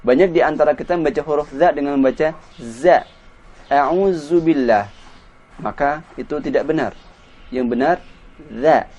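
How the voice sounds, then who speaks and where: In a muffled recording, a man with a slightly high, darkish voice teaches Quran pronunciation. It's a slow tajwid lesson where he patiently spells out letters and syllables one at a time and repeats each.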